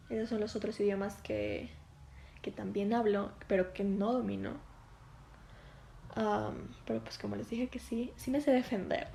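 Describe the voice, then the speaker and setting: A woman's voice: medium pitch, vocal fry, mellow, a little hiss or hum. A woman with a Mexican accent hosting a casual podcast monologue, chatty and full of filler words. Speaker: podcast host. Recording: roomy echo.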